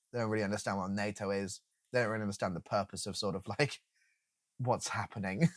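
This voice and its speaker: A man's voice: on the low side, dry recording, clean studio sound. A man hosting a reaction commentary video, sarcastic and incredulous, with casual swearing.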